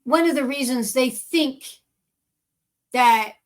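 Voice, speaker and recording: A woman with a somewhat high voice co-hosts a casual podcast discussion. She argues her reading of the text with firm, opinionated emphasis, reasoning aloud as she goes. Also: slow pace. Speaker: podcast co-host.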